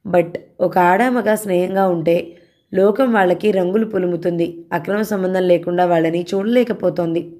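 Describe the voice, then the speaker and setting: A woman's voice: lowish voice, moderate pace, warm tone, close to an everyday voice. A woman voicing a blunt young female office worker who asks teasing, probing questions.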